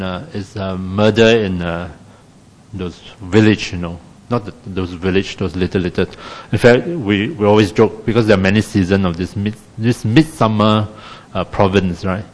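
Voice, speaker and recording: A man with a lowish voice gives a casual meditation talk. He speaks gently, pausing often and filling gaps, with a chatty, self-deprecating humor. His voice rings with a long reverb, as if in a large hall. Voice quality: gentle, with many pauses and fillers. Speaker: meditation teacher.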